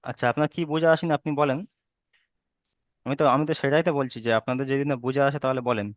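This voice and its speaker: A man's voice: mid-range voice, steady tone, fast talker, no room sound. A man teaching Quran recitation rules online, patiently repeating each rule and checking that students understand. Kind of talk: online tajweed lesson.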